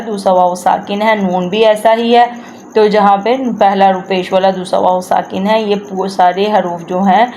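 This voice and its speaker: Slow, patient woman teaching Quran recitation. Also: medium pitch, darkish tone, a little hiss or hum. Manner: slow drawn-out recitation then plain explaining. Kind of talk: word-by-word Quran recitation lesson.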